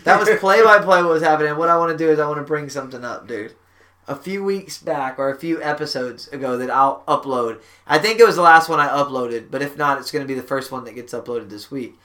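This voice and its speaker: A man's voice: a little high, fast talker. A man hosting a podcast, chatting casually in a backyard shack, rambling and swearing freely. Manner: rambling, profane, animated. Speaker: podcast host. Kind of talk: casual chat.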